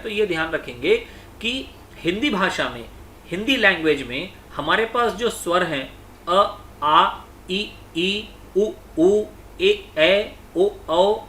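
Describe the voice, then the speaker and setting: A male teacher giving an exam-prep lecture. He explains slowly, repeats himself, and reads example sentences aloud. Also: high-pitched, pushed and bright, echoey room, slight background noise.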